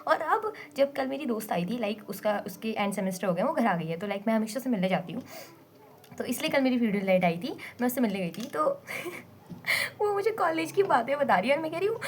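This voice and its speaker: A young woman chats to her camera at home, giggling as she goes. Her voice sits on the high side. A faint hum of the room is heard behind her. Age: young adult. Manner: giggly, chatty, mixes English words. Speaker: vlogger, exam dropper. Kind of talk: casual chat to camera.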